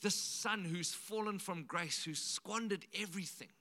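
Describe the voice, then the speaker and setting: A man's voice: high voice, moderate pace, sharp tone. A man preaching a sermon in a conversational way, often repeating words and saying "like" and "you know".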